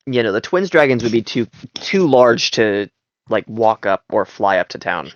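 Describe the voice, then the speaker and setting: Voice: medium pitch, big pitch swings, normal speed, no echo, lo-fi sound. A player describing their characters' moves in a tabletop game, rambling and hesitant, fighting yawns.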